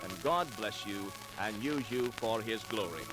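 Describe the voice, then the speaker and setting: A man's voice: fairly low pitch, measured pace, over music, rough recording. A man hosting a radio program, asking a guest questions in a friendly, conversational way. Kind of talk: radio interview.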